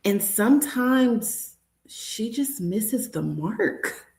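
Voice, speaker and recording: This thirties-aged mother and nurse educator talks very slowly, her somewhat high, slightly mellow voice rising and falling with lively intonation. As an interview guest she's frank, recounting stories and performing quoted exchanges with her daughter, all in an echoey room.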